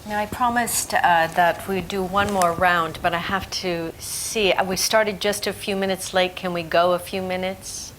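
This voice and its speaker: Brief: lowish-voiced woman moderator, brisk and organizing, faint room noise. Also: fairly even intonation, a bit bright, rough recording. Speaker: panel moderator. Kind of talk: moderating audience questions. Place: conference room.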